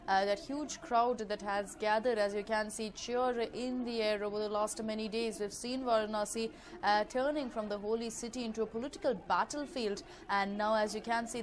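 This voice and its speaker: A woman with an Indian English accent gives live news commentary as a TV reporter, improvising with frequent hesitant, drawn-out pauses. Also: medium pitch. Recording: clearly noisy live broadcast ambience.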